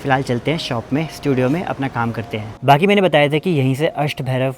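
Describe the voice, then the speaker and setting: A man's voice: medium pitch, fast talker, faint music behind. A young man from Uttarakhand, vlogging in a casual, chatty way while walking outdoors in hill country. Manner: chatty, leaning on fillers and loose restarts.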